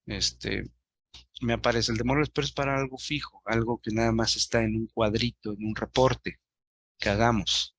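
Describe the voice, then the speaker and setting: A man's voice: mid-range voice, fairly even intonation, moderate pace, fairly bright tone, no echo. A man teaching an online class, patiently explaining step by step and addressing his students directly.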